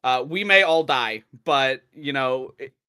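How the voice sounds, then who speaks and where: A man's voice: mid-range voice, unhurried, bright, forceful tone, clean tone. A man voicing a small, upbeat lizard adventurer who greets newcomers in a friendly way. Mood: welcoming. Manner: friendly, brushes off doubts.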